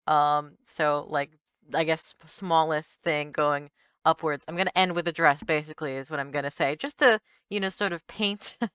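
A young adult woman hosting a casual fashion vlog in a chatty, playful, self-deprecating way. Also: lowish voice. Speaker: fashion video host. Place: small room at home with shelves.

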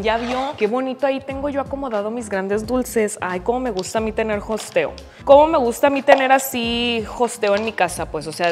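A woman's voice: fairly high pitch, long reverb tail. A woman with a Mexican accent chatting casually while she cooks in her home kitchen, self-mocking and swearing freely, filmed on a phone. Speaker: cooking vlogger. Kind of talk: casual cooking vlog chat. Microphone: phone camera.

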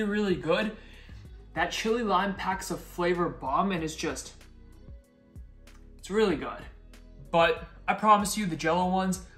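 A man's voice: sits high, fairly bright tone. A young man chatting upbeat to camera as a food vlogger, talking while he chews. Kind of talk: casual chat to camera. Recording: echoey room with faint music.

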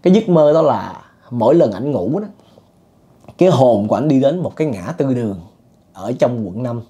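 A man recounts a spooky tale in a relaxed, conversational way. His voice sits at an ordinary pitch with a dark, mellow tone. He talks loosely, with fillers and the odd chuckle. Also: moderate pace. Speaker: ghost story teller. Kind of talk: casual spoken storytelling.

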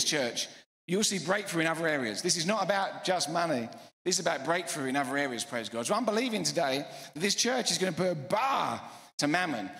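A middle-aged man preaching a sermon to a church, energetic and emphatic, repeating phrases. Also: high voice. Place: church hall. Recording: echoey church hall.

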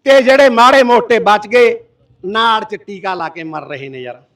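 Man, Punjabi accent, middle-aged, fiery protest speech, very high voice, distant from mic. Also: a little slow. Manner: impassioned, forceful, roaring. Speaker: activist addressing a protest gathering. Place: village protest sit-in. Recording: voice from far off the mic.

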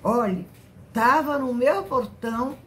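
An older woman giving an emotional, halting religious testimony to her congregation, often repeating herself. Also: a little high, a bit bright, slight background noise. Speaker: church member giving testimony.

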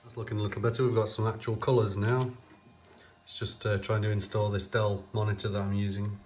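A computer restoration vlogger speaks briskly in a lowish, somewhat mellow voice with flat delivery, slight background noise behind him. Working on an old computer off camera, he gives casual, hesitant commentary, thinking aloud with lots of fillers.

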